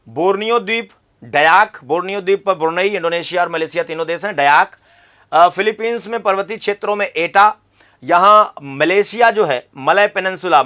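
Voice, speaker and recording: Guy teaching exam geography, fairly high bright voice, keeps repeating words and asking you questions. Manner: repeats key terms and quizzes the viewer. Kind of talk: exam-prep geography lesson.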